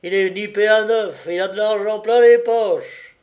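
A man's voice: high-pitched, fairly even intonation, unhurried, a little mellow, muffled recording, voice pushed up. A man doing a pushy, emphatic sculptor. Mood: insistent. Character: insistent male sculptor, a card player.

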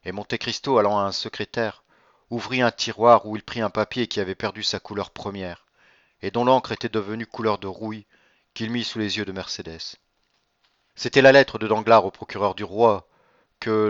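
Calm guy reading an audiobook, dull lo-fi dry sound. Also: lowish voice, dry recording. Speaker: narrator. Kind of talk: audiobook narration.

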